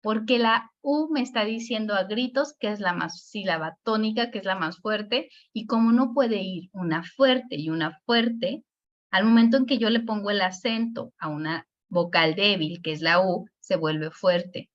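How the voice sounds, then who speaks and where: A woman with a Mexican accent teaching a spelling lesson, explaining patiently and drawing out words slowly to show the stress. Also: mid-range voice. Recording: dull lo-fi recording.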